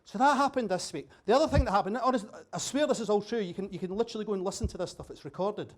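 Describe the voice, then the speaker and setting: Rapid-fire and high-voiced, a Scottish man gives a comic after-dinner keynote at a dinner venue with a bar. He keeps things chatty and full of jokes and tests the audience with questions.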